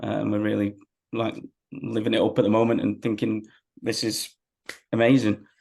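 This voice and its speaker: A man's voice: lowish voice, monotone, fairly quick, creaky, darkish tone, husky. A man, chatting casually as a football fan being interviewed.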